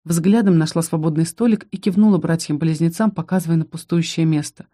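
A woman narrating a first-person audiobook with expressive storytelling. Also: sits low, fairly quick.

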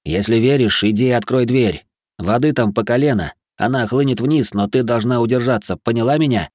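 A man's voice: medium pitch, a little fast, darkish tone, no room sound, clean studio sound, lightly acted. A man playing an urgent determined hero. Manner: urgent, insistent.

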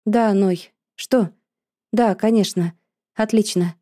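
A woman voicing an impulsive, emotional young woman who speaks up loudly and complains in an audiobook. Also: medium pitch, slow pace, no echo, clean studio sound, voice pushed up. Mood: excitable. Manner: excitable, complaining, raised voice.

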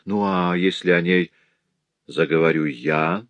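A man voicing a grim older widow and mother who speaks slowly and coldly. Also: low-pitched, fairly even intonation, no echo. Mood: stern. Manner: slow, cold, commanding.

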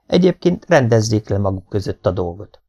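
A man voicing a brisk, matter-of-fact police officer questioning a family. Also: fairly low pitch, big pitch swings, a little mellow. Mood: businesslike. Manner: businesslike questioning. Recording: dull lo-fi recording.

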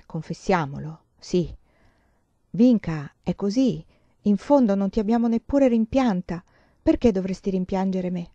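A woman's voice: medium pitch, animated, unhurried, warm tone, no echo, muffled recording, close to an everyday voice. A woman voicing an intense, earnest young female student with impassioned, emphatic speech in a storybook reading.

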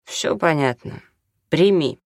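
A man's voice: on the high side, animated, takes it slowly, vocal fry, no echo, clean studio sound, exaggerated voice. A man reading an audiobook, voicing a brash, hard-drinking doctor who jokes and orders people about. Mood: bossy. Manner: jokey, bossy, offhand.

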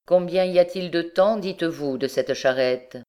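A woman doing a gruff, menacing provost. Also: lowish voice, moderate pace, dark tone, lightly acted. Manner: gruff, interrogating. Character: sinister, menacing male provost.

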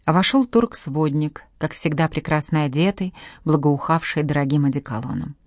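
A woman with a low voice narrates an audiobook in an expressive, dramatic way. The recording is dry and close, with no room sound. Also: moderate pace, no room sound. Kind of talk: scripted narration.

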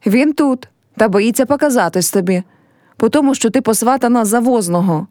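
A woman's voice: fairly high pitch, lively intonation, fairly quick, dark tone, no echo, clean studio sound, natural voice. A woman reading a play aloud and voicing a teasing, scheming young village man. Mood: urgent.

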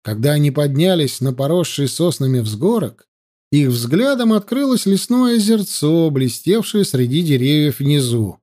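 Male storyteller, expressive narration, warm dark tone, animated delivery. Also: fairly high pitch, moderate pace. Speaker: audiobook narrator. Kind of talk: scripted narration.

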